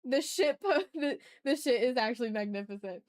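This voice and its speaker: This woman's voice sits on the high side and is expressive, with a darkish tone and normal speed. She's hosting a laid-back art livestream, musing aloud while drawing and gushing to her viewers in slangy, casual terms.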